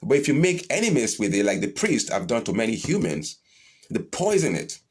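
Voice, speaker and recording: Blunt, animated man giving a spiritual talk. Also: brisk, slightly rough. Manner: blunt and animated, swearing freely, pitch jumping up for emphasis. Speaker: spiritual teacher. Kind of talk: live-streamed spiritual talk answering viewer questions.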